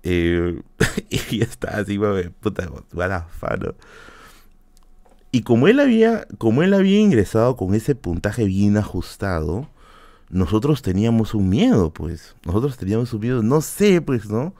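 A young man with a fairly low voice tells a family story in a relaxed, casual way. His pitch swings widely, leaping high whenever he acts out what someone said. The sound is dry and close, with no room around it. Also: moderate pace, no room sound. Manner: animated, jumps high when quoting people, repeats words, laughs often. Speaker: podcast host.

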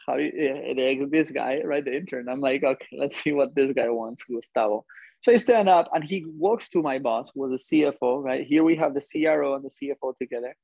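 Male storyteller, live audience, lively and conversational, slightly higher voice, dry close sound. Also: gravelly, no echo. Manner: animated, conversational, asks the audience questions.

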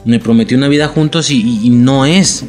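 A young Mexican man with a mid-pitched voice, talking through a show's plot in easygoing slang. Faint music runs under his voice. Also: fairly quick, a little mellow. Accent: Mexican Spanish. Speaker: co-host recapping a series. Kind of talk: casual slangy chat.

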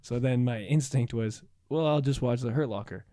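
A man's voice: medium pitch, normal speed, dark tone, no echo, studio quality. A young man hosting a casual podcast chat, telling long rambling stories with plenty of jokes. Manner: rambling joking storyteller. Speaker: podcast host.

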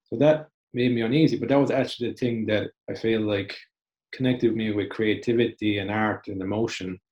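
A man's voice: lowish voice, steady tone, fairly quick, muffled recording. A young man talking in a loose, reflective way during a casual interview. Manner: reflective, loose, many restarts and "like". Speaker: podcast guest.

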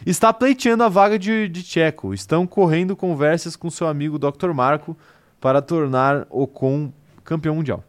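Young Brazilian guy co-hosting a live chat show, slightly high-pitched, lively and jokey, reads viewer comments aloud. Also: normal speed. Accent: Brazilian Portuguese. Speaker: co-host of a racing live stream. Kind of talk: casual live-stream chat.

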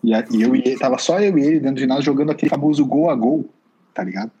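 A young man, co-hosting a casual podcast and telling a story in a slangy, animated way. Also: medium pitch, racing, slightly rough, lo-fi sound. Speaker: podcast co-host.

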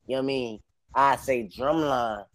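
A man's voice: medium pitch, fairly even intonation, normal speed, very noisy. An American man in a casual podcast debate, reasoning aloud in colloquial speech.

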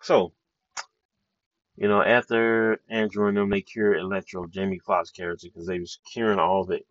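A man giving a casual movie reaction, excitable and slangy, swearing a lot. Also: low-pitched, moderate pace, dry recording, lo-fi sound. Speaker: movie reviewer.

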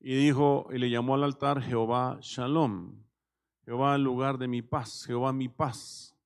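A pastor preaching a conversational sermon, often checking in with the congregation and pausing on fillers. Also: male voice, mid-range voice, fairly even intonation. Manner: conversational, many "¿verdad?" tags and hesitations.

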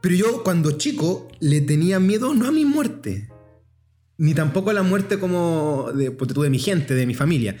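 Animated Chilean man, lively pitch. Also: normal speed, soft background music. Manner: expressive, self-mocking, animated. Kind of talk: casual chat.

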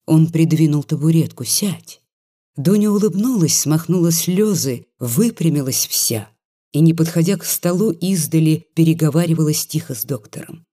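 A reader narrating a literary short story in a steady storytelling manner. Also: medium pitch. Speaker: audiobook reader.

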